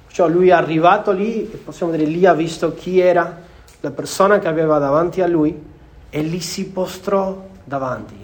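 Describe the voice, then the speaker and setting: A man's voice: a little high, moderate pace. A man preaching a sermon to a congregation in an earnest manner, often repeating phrases for emphasis.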